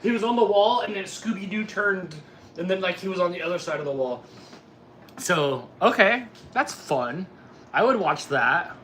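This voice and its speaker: A livestream host in his forties, whose voice sits high with lively intonation and a sharp tone, chats casually with live viewers at normal speed. He rambles and teases, with noise behind him.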